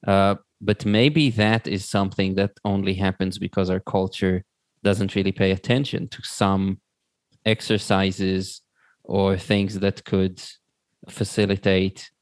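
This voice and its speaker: A man in his thirties hosting a podcast, asking slow, halting, thoughtful questions. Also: deep voice, little pitch movement, no echo. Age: 30s. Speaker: podcast host. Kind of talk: casual conversation.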